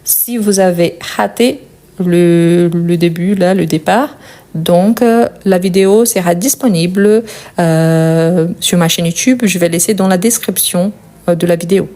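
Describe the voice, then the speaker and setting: A woman teaching verb conjugation, repeating each form slowly and clearly and checking in with short questions. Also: on the low side, mellow. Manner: checks in with "ok?" and "bien". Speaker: French teacher. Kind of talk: explaining conjugation.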